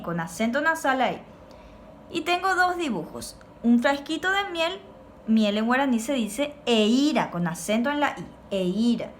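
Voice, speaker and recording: Woman, teacher, slightly high voice, slow careful repetition, faint hiss. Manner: slow, clear, repeating words for pupils to copy. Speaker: Guaraní teacher. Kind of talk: recorded lesson for pupils.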